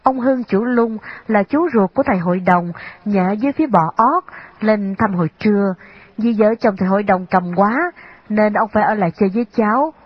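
A woman narrating a storybook in an even, unhurried reading manner. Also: mid-range voice, husky, no echo. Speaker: audiobook narrator. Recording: slightly dull, dry lo-fi recording.

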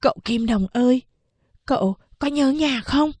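A woman's voice: sits high, a little slow, darkish tone, no echo, voice pushed up. A woman voicing an eager young boy who coaxes and pleads with his uncle in an audiobook. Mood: worried. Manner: urgent, coaxing. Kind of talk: audiobook character voice.

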